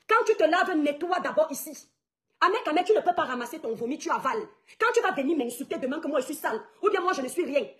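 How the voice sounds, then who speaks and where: With a high, fairly bright voice, a young woman from Cameroon who blogs vents her anger at her audience, taunting her rivals and restating her arguments for emphasis.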